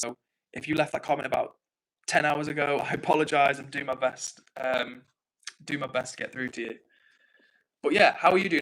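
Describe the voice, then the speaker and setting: A young English livestream host, his voice a little high and a bit bright, reads viewer comments in a casual chat. He is self-deprecating and apologetic, laughs frequently, and the recording is rough.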